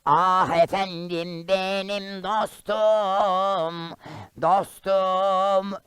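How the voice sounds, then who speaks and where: A man voicing Hacivat, a polite, flowery gentleman in a traditional shadow puppet play, speaking in ornate courtly phrases. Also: sits high, little pitch movement, clean tone, no room sound, exaggerated voice. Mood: coaxing. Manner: ornate courtly phrases, drawn-out sing-song.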